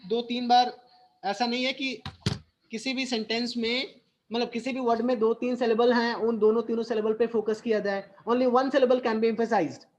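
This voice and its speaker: A man with an Indian English accent teaching a school class, switching between Hindi and English and explaining slowly and deliberately. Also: extremely high pitch, little pitch movement, lo-fi sound, a little hiss or hum.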